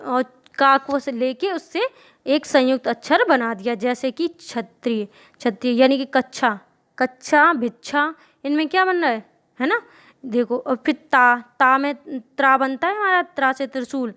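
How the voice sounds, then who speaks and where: High-voiced woman teaching a grammar lesson. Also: a little slow, fairly bright tone, smooth. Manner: repetitive questioning teacher, checks understanding often. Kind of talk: explaining a Hindi grammar lesson.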